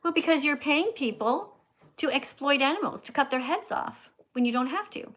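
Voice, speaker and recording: A woman's voice: high-pitched, expressive, moderate pace, a bit bright. An older woman hosting a livestream, talking with callers in an insistent, lecturing, teacherly way. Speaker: livestream host.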